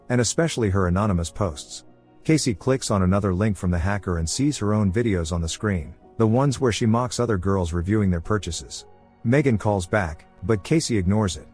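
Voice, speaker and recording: A man narrating a film recap in a steady, scripted storytelling voice. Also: fairly low pitch. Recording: narration with faint music underneath. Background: soft background music.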